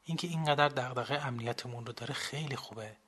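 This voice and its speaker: A man voicing a cheerful, teasing young woman student friend in a husky, upbeat voice. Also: medium pitch, a bit bright.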